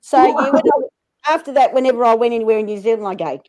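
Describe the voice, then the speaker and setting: A woman's voice: on the high side, very fast, a little mellow. An Australian woman telling funny stories in casual chat on a video call, laughing often and acting out the voices she quotes. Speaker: livestream host.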